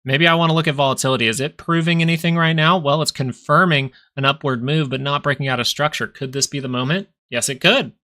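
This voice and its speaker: A young man with a nasal voice hosts a live stock market stream, commenting on the market and chatting with viewers as he thinks aloud. His voice is a little high, pushed and bright, and he talks quickly with few pauses, rambling casually and often restarting.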